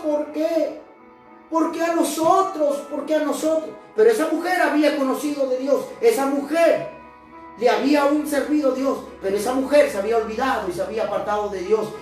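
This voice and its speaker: High-voiced woman preaching in an echoey hall. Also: darkish tone. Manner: impassioned, dramatically acting out scripture quotes. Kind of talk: sermon. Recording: echoey church hall, mic at a distance, faint music.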